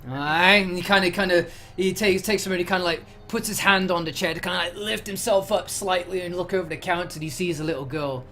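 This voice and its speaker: A man's voice: high voice, fairly even intonation, quick pace, few pauses, sharp tone, faint music behind. A man narrating a tabletop game as game master, rambling through his descriptions.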